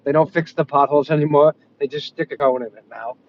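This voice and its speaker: A man chatting casually and wryly on a livestream as he drives, in an unhurried, folksy way. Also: on the high side. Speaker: storm-chasing livestreamer. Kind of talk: casual live chat while driving. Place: inside a moving car. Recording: dull lo-fi audio inside a vehicle.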